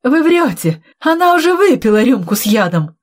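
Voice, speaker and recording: A woman reading aloud, voicing a greedy, cowardly man who poisoned his relative, in a blustering, shrill manner. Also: very animated, normal speed. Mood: shocked.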